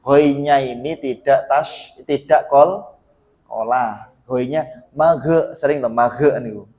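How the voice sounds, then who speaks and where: A man with a Javanese accent teaching Quran recitation in a mosque, correcting pronunciation and chanting verses slowly for others to repeat. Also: mid-range voice, steady tone, a little mellow.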